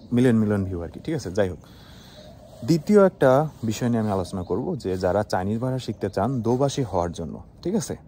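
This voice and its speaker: A man's voice: fairly low pitch, mellow, slight background noise. A young man from Bangladesh giving a casual spoken lesson on learning Chinese, often checking in with his listeners. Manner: conversational, with frequent "ঠিক আছে?" checks. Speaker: Chinese language teacher.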